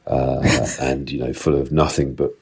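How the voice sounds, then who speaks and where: A middle-aged man speaking through a voice changer that makes him sound very deep, telling a rambling story in a recorded voice message as a listener. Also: level tone, normal speed, mellow, husky. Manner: chatty, rambling storyteller with filler ums. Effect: voice changer pitching the voice very deep.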